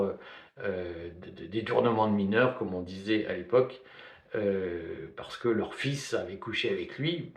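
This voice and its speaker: A man from Belgium, giving spoken video commentary in a hesitant way, full of fillers and restarts. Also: mid-range voice. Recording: roomy echo.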